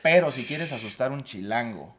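A man's voice: mid-range voice, animated, fairly quick. A young man with a Mexico City accent, co-hosting a casual podcast chat in a crude, joking way and slipping into mimicked voices. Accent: Mexico City Spanish. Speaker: podcast co-host.

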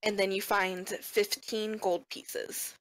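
A woman narrating a tabletop game as its game master, taking her time over each description. Her pace is unhurried and deliberate, and her voice sits dry and close to the mic. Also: mid-range voice, flat delivery, a bit bright, no echo, low-quality recording.

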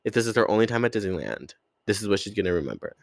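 A man's voice: lowish voice, big pitch swings, rapid-fire, gravelly, no echo. A man co-hosting a podcast, telling stories in an enthusiastic, earnest way. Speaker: podcast co-host. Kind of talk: casual storytelling chat.

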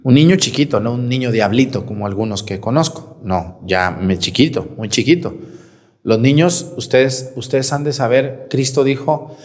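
Teasing priest in a reverberant church. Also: male voice, medium pitch, lively intonation, moderate pace. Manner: scolding and teasing, with sarcastic acted-out quotes. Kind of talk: sermon at Sunday mass.

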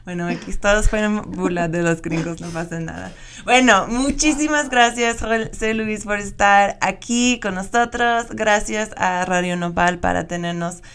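A woman speaking Spanish with an American accent, hosting a casual radio interview in a relaxed, friendly way. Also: medium pitch, measured pace, hardly any pauses, smooth. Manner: relaxed, friendly, uses Mexican slang. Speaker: radio show host.

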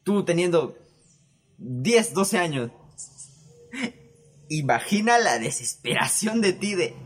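A young man with a Peruvian Spanish accent tells stories to camera in a casual, animated way. He laughs often and swears freely. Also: fairly high pitch, takes it slowly, breathy edge. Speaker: vlogger. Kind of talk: casual storytelling monologue. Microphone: camera setup with microphone.

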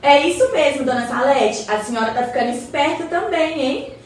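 At a moderate pace, a high-voiced, animated Brazilian woman performs the part of a supportive, well-informed neighbour in radio drama. Her explanations are patient and colloquial, and she addresses her neighbour respectfully, heard through a distant mic with roomy echo and faint noise.

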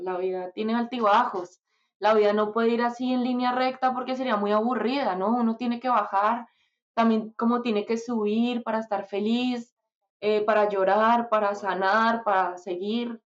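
Soft-spoken woman guest, dull sound. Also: fairly high pitch, fairly even intonation, normal speed. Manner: soft-spoken, hesitant, fillers. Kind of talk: casual interview chat.

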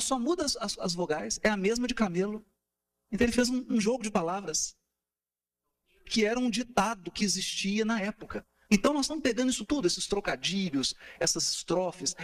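A man giving an explanatory talk to a study group, asking rhetorical questions and tapping out rhythms as he goes. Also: high-pitched. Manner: animated, asks rhetorical questions, taps out rhythms.

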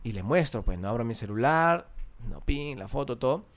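A man, hosting a podcast and telling a story in an animated way, acting out the voices of the people in it. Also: medium pitch, normal speed. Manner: animated, acts out quoted voices. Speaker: podcast host. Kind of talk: casual storytelling.

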